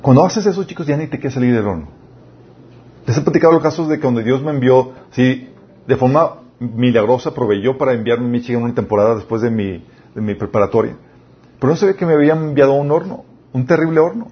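A man's voice: mid-range voice, quick pace. A young man with a Mexican accent, preaching a sermon to a youth group and telling stories from his own life straight to his listeners. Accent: Mexican Spanish. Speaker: youth pastor. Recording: dull muffled recording.

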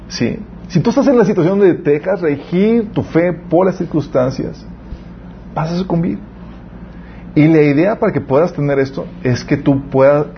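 A young man, giving a conversational sermon as a youth preacher, telling stories and speaking straight to his audience. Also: mid-range voice. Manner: lively storytelling, addresses the audience directly. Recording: slightly muffled recording with faint background noise.

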